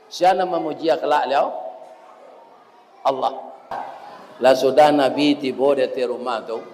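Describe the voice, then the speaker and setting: A middle-aged man with a Minangkabau accent gives a folksy village mosque sermon, addressing listeners as "Pak," chanting verses, and reciting rhymes. His voice is mid-range, a little slow, and darkish, with the long echo of a mosque hall.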